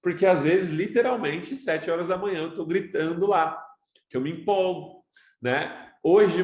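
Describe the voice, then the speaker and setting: A Brazilian man teaching an online course, lively and loud, constantly shifting his tone and pace as he lectures his students. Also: sits high, roomy sound. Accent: Brazilian Portuguese. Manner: animated, talks loud, varies his tone constantly.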